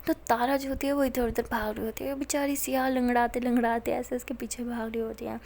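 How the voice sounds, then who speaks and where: A woman's voice: a little high, fairly quick, creaky. A woman narrating a college love story in a casual, chatty storytelling manner. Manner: chatty, animated retelling.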